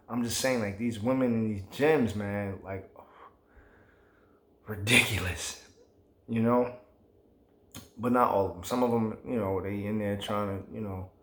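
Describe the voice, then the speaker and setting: Man ranting casually in an echoey room. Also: lowish voice. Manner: emphatic, rambling, slangy. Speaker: vlogger. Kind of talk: casual opinion rant.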